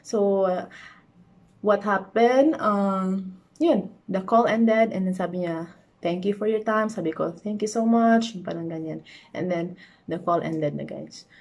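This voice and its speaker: A young Filipina vlogger from the Philippines chats casually with her viewers in a medium-pitched, darkish voice at an unhurried pace. She speaks with a Filipino accent, is chatty, mixes English and Tagalog, and uses many fillers.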